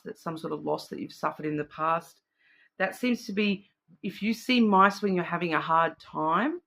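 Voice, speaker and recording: A woman's voice: fairly low pitch, a bit bright. A middle-aged woman giving a casual psychic card reading, thinking aloud in a rambling, intuitive way. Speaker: card reader.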